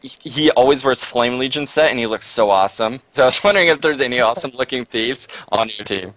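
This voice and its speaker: A fast-talking man with a mid-range, fairly bright voice is heard on a low-quality, echo-free recording. As an esports co-caster and interviewer, he offers cheerful casual chat and color commentary, laughing often and repeating "absolutely".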